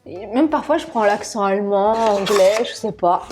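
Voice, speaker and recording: A woman's voice: medium pitch, normal speed, music in the background. A woman hosting a live cooking stream with a put-on southern French accent, chatting casually and thinking aloud as she works in her kitchen, often laughing at her own mistakes. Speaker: cooking channel host.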